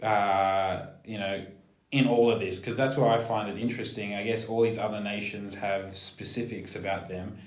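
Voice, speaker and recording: A man's voice: on the low side, fairly even intonation, normal speed, roomy sound. A man, a pastor, asking questions in a discussion, hesitant with many ums. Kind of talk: conversational discussion.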